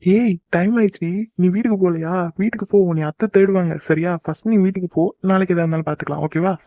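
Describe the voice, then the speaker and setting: A man voicing a gentle young man in a cartoon, soothing and teasing his crying sweetheart. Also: high-pitched, fairly even intonation, fast, dry recording. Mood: teasing casual. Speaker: voice actor. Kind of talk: cartoon love-story dialogue. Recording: dull lo-fi dry recording.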